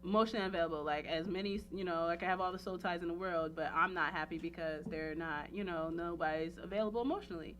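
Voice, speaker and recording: Speaking fast with hardly any pauses, a lowish-voiced woman with a fairly bright tone gives a casual, candid talk show interview about her personal life. She's emphatic and rambling, leaning again and again on the phrase "you know what I'm saying."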